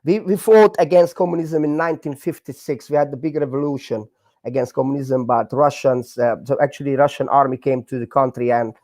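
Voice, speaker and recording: A man's voice: medium pitch, fairly even intonation, darkish tone, dry recording. Hungarian man in his forties, dry sound. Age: 40s. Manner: halting, many fillers, non-native grammar. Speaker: guest, breakdancer. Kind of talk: casual interview storytelling.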